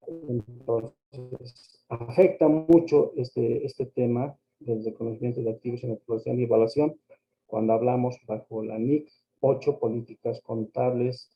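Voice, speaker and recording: A man lecturing on accounting over a choppy, crackly microphone line, hesitant and full of fillers and tag questions. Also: medium pitch. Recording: dull lo-fi sound, faint music behind.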